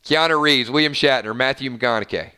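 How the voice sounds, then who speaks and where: A man with a medium-pitched voice, sharp yet clear and resonant, talks a little fast on his casual fan live stream. Upbeat and chatty, he rambles through viewer comments with lots of fillers and false starts.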